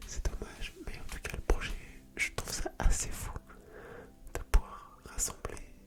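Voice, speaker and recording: A woman hosting ASMR in a soft, unvoiced library whisper, reading aloud and commenting casually. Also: measured pace. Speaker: ASMR video creator and host.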